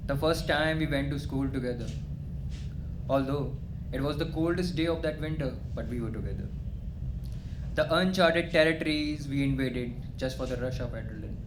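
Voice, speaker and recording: A man reciting spoken word poetry at an open mic, in a slow, measured recital with dramatic pauses. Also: medium pitch. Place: indoor open mic venue. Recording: echoey room, audible noise.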